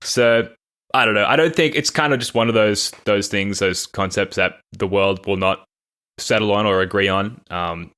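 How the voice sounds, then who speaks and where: A man's voice: on the low side, normal speed, a bit bright. An Australian man hosting a casual sports podcast, rambling and self-deprecating, laughing now and then. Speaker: podcast host.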